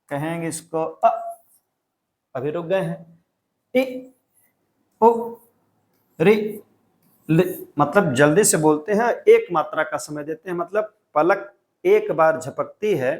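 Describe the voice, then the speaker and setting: A male teacher giving an exam-prep lecture, explaining step by step and repeating key points. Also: a little high.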